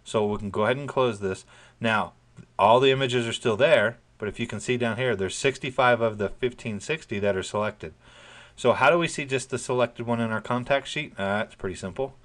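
Speaking a little fast at medium pitch, a man narrates a casual screen-recorded software tutorial. He spells out every step simply and brushes off any claim to expertise.

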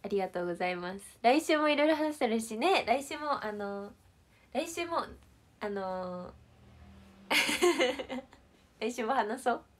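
A young idol from Shizuoka, Japan, hosts a casual livestream, reading viewers' comments and chatting in a bubbly, playful, giggly way. Her voice is a little high and animated, and she takes it slowly with frequent pauses.

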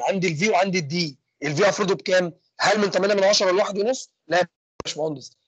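A young man with an Egyptian accent teaching an engineering class online. He talks fast and keeps asking questions and then answering them himself. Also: high-pitched, a bit bright, slightly rough, no room sound. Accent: Egyptian Arabic. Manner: fast, asks and answers his own questions. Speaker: engineering lecturer. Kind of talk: online lecture with student questions.

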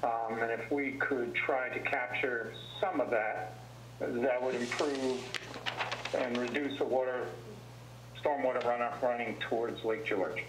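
A man phones in to a town board meeting to deliver a formal public comment, politely and carefully setting out his requests one point at a time. His mid-range voice is steady. The speakerphone in the room makes it echoey, with background noise.

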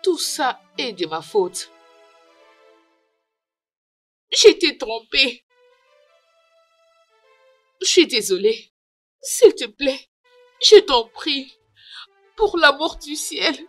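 A woman's voice: sits high, sing-song, slow, pauses often, fairly bright tone, faint music behind, heavily acted. A woman voicing a remorseful estranged wife in a French film dub, crying and pleading desperately for forgiveness.

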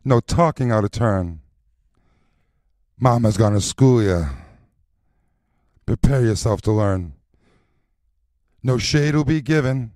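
A man performing recorded voice lines as a sassy, confident drag mother teaching a class, in a slow rhythmic chant with sultry stretched endings. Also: medium pitch, a little mellow, no echo, clean studio sound, natural voice.

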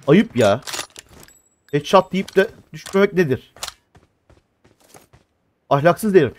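A man in his thirties giving animated gameplay commentary, cursing and complaining at teammates as he plays. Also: fairly high pitch, slow, slight background noise. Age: 30s. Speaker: mobile game streamer.

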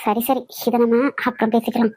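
A woman's voice: fairly high pitch, flat delivery, brisk, a little mellow, husky. A woman voicing a spirited young woman in a cartoon, with a Kanyakumari Tamil accent. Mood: teasing. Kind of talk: cartoon voice acting.

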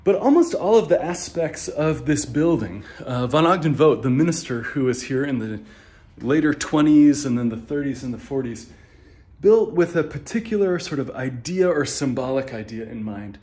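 A minister in his thirties chats casually while walking through an old stone church, moving indoors and up onto the roof, filmed on a phone held at arm's length. His medium-pitched voice moves at a normal speed in a relaxed, chatty tour-guide manner.

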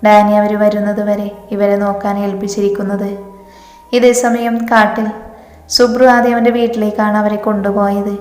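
A woman narrates a story and speaks every character's lines in the same level voice. Her pitch hardly rises or falls. The recording sits in a roomy space with a long, lingering reverb. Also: little pitch movement, moderate pace, darkish tone. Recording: echoey room with long reverb.

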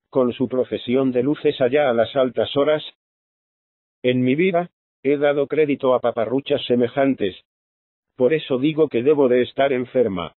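A man voices a young gentlewoman worn down by fear, telling her fears in an anxious, confiding way. The audio is narrow and tinny, like a phone line, and bone dry. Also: mid-range voice, dry recording, natural voice. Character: young frightened gentlewoman, nervous and fragile.

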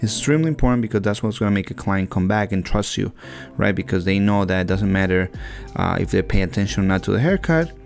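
A man's voice: lowish voice, lively intonation, fast talker, vocal fry, faint music behind. A young man, a barber, talking casually over haircut footage in a rambling way with many fillers and restarts.

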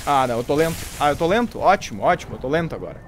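A young Brazilian man commenting live on a video game in a high voice that swings widely in pitch. He swears freely, laughs, and taunts his foes. Steady noise runs under his stream audio. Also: racing. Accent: Brazilian Portuguese.

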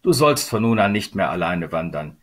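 Guy doing a sweet little old lady in a storybook, gentle and comforting, kinda husky. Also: low voice, sing-song, moderate pace, exaggerated voice. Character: small kind old woman who is hope. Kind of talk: storybook reading.

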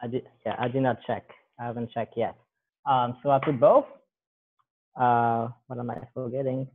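Slight background noise sits under a man's medium-pitched voice, spoken at normal speed over thin, phone-like audio. He's a guest in his thirties giving a casual cooking demo, relaxed and rambling, self-correcting while he works with his hands. The space is a large, bare indoor room with a counter.

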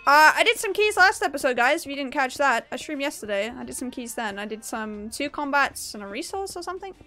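Faint music plays behind a young woman streaming a game, who keeps up a casual, upbeat chat with viewers and laughs a lot. She speaks fairly quickly in a high-pitched, bright, forceful voice with lively intonation.

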